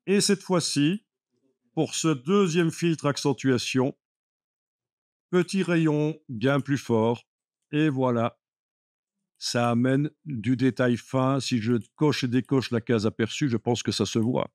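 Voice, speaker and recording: A man's voice: medium pitch, slow, darkish tone, dry recording, studio quality. A man teaching a live Photoshop class, explaining steps patiently with many fillers like "euh" and "voilà". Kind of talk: live classroom software lesson.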